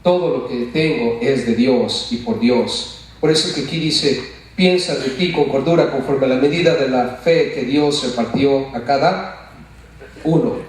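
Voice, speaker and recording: A man's voice: medium pitch, a little slow, slight background noise. A pastor preaching a sermon and asking his congregation questions. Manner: asks the congregation questions, calls them brothers. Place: church. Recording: echoey church sound from far off.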